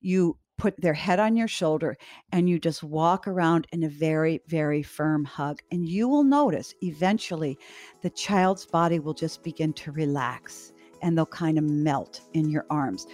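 Calm, firm woman giving parenting advice. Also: sits low, unhurried, soft background music. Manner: calm, firm, reassuring, speaks straight to parents. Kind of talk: direct parenting advice talk.

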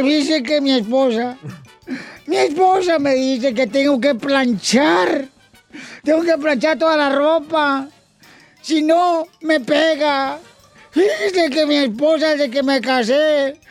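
A man's voice: very high voice, takes it slowly, soft background music, exaggerated voice. A man voicing a joking old male radio character, telling jokes in a comic radio sketch.

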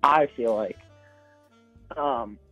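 A man's voice: mid-range voice, extremely slow, bright, forceful tone, husky, no echo, faint music behind. A young man calling in on speakerphone, chatting casually, agreeable and hesitant with frequent restarts. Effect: on speakerphone over a phone line. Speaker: caller. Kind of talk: casual chat. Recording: tinny dry phone line.

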